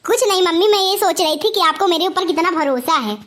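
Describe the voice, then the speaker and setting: Cartoon comedy: a woman plays a spoiled, sly elder daughter, high voice, Awadhi-tinged Hindi, sugary to mom and nasty behind her back. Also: lively intonation, a little fast, a bit bright. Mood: sweet-talking. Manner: bossy and sly, sweet to her mother, mean in asides. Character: spoiled scheming young woman, college-going elder daughter.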